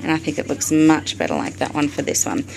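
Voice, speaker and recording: Australian woman, lowish voice, chatty DIY vlogger shot on a phone video, faint background hiss. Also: fast, creaky, a little mellow, low-quality recording. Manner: chatty, explains step by step with frequent ums. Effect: recorded on a phone video. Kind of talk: casual DIY tutorial. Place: bedroom at night. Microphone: phone camera.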